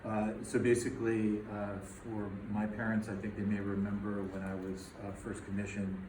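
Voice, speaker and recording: A middle-aged man hosts a ceremony informally, with a halting delivery full of pauses. His voice is lowish and very even in pitch, heard in an echoey space. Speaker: military officer presiding over a commissioning ceremony. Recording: echoey, distant mic, noisy room tone.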